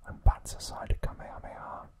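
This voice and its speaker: Pausing often and phrasing things deliberately, a man recaps trivia in a breathy, soft whisper for his ASMR video.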